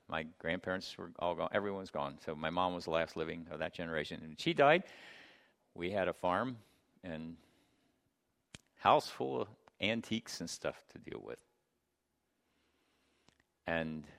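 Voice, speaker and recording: A middle-aged man preaching a sermon, emphatic, swinging from loud declarations to hushed asides. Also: low-pitched. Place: church sanctuary. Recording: long hall reverb.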